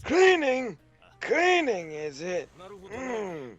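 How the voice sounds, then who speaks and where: A man voicing a plump, smug elderly male detective in a slow, drawn-out old man voice. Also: sits high, huge pitch swings, lo-fi sound, over music, heavily acted. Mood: reminiscing.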